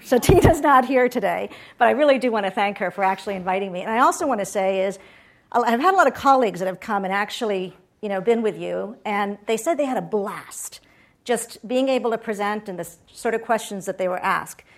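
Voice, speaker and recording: A middle-aged Puerto Rican woman gives a lively campus talk to students as a guest speaker, chatting and frequently asking the audience questions to check in. Her medium-pitched voice moves fairly quickly with lively intonation.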